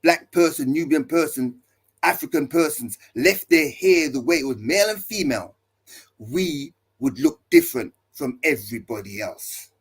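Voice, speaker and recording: A man's voice: a little high, lively intonation, normal speed, slightly rough. A male pastor preaching to listeners, building his points with emphatic repeated refrains and rhetorical questions. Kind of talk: preaching talk.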